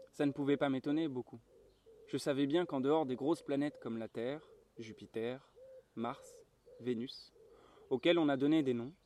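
A man giving a calm, measured storybook reading outdoors in a garden. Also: mid-range voice, no echo. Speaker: reader. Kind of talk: audiobook narration.

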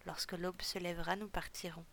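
A woman voicing a cold, cruel male captor chief in a storybook reading, speaking with quiet menace. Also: lowish voice, flat delivery, brisk, slight background noise.

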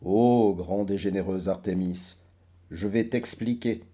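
A man voicing a mighty hero who pleads humbly and flatteringly to a goddess. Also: a little high, normal speed.

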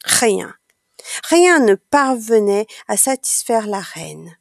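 Slow, expressive woman storyteller. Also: medium pitch, creaky, no room sound, studio quality. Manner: slow, expressive read-aloud. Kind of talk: children's story reading.

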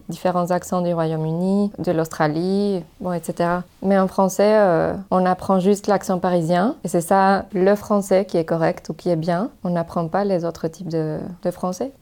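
A young Mexican woman whose native language is Spanish speaks French with a Mexican Spanish accent in a casual interview. Her voice is fairly low, dark and smooth, and she sounds thoughtful and hesitant, with frequent fillers and restarts.

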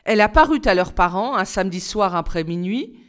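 A woman narrating a children's story in a clear, measured reading voice. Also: mid-range voice, lively intonation. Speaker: reader.

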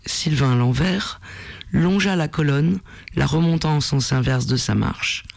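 A man hosting a radio program, reading a story aloud in a measured, deliberate way. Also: on the high side, creaky, no echo.

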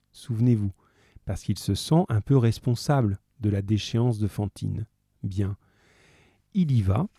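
A male teacher reading a novel aloud to his class, expressive, with brisk asides to his pupils. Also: on the low side, husky, no echo, clean studio sound.

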